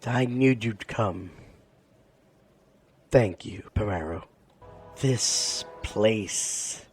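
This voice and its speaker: A man's voice: fairly low pitch, very slow, soft background music. A man reading game quest dialogue aloud in a grave, solemn, dramatic style.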